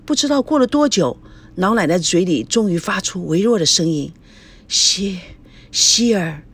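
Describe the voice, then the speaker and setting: A narrator giving a steady, expressive scripted reading of a family drama story. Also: mid-range voice, fairly quick, slightly rough.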